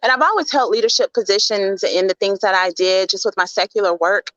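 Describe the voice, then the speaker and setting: A woman's voice: medium pitch, brisk, fairly bright tone, no echo, lo-fi sound. A woman from Mississippi with a Southern drawl and dropped G's, telling her story conversationally as an interview guest. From Mississippi, United States. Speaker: guest, public speaker.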